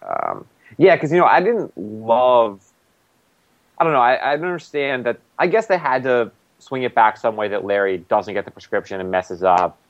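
A man's voice: medium pitch, huge pitch swings, moderate pace, dry recording, lo-fi sound. A man co-hosting a casual TV recap chat, talking loosely with lots of "like" fillers. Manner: loose and rambling, many "like" fillers. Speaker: podcast co-host.

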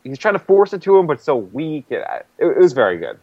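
A podcast co-host recaps a TV episode in a loose, rambling way, leaning heavily on "like" as a filler. His speech is quick and sing-song, swinging up and down in pitch. The recording is dry and somewhat dull, with little room sound.

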